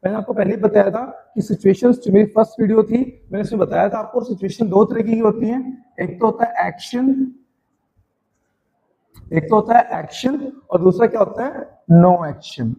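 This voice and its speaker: An Indian man teaching a spoken English class in Hindi, slowly drilling tongue twisters and encouraging his students like a caring teacher. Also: high voice, gravelly, dark tone, dull audio. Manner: addresses students as "beta", encouraging.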